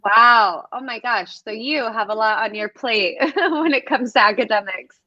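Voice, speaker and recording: Young woman hosting a live stream, super upbeat and chatty, bright voice, dry slightly dull video call sound. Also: a little high, unhurried, no echo. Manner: enthusiastic, chatty with fillers. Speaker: host of a student live stream.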